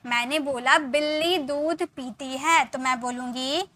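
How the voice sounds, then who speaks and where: Bright high-voiced woman teaching English. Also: steady tone. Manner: explains slowly, repeats examples, asks viewers questions; drags out English example sentences syllable by syllable. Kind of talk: Hindi-English spoken grammar lesson.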